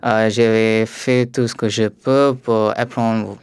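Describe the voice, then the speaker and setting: Slow, smooth-voiced man with an Indian accent. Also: on the low side, steady tone, dry recording. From India, Tamil Nadu. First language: Tamil. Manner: hesitant, careful learner's French with many fillers. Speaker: guest, French learner. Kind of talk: radio interview. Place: radio studio.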